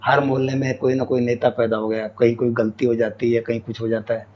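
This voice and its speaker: A man in his sixties, a doctor, talking through an interview in a relaxed storytelling way. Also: mid-range voice, a little fast, dull audio. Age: 60s. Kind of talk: interview conversation.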